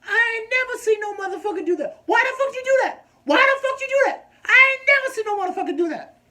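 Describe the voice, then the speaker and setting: A man voicing a brash, aggressive female nurse who swears and shouts in disbelief. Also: very high-pitched, animated, fast talker, pitched above the performer's own voice, heavily acted. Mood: shocked, shouting. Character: brash foul-mouthed female nurse, loud and abrasive.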